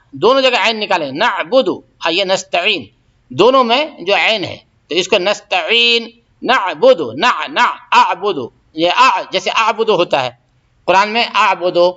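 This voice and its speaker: A man's voice: high-pitched, bright, forceful tone. A man teaching Quran recitation, drilling pronunciation by repeating syllables and checking that learners follow. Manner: asks learners to check understanding. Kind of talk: recitation lesson. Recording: dull lo-fi audio.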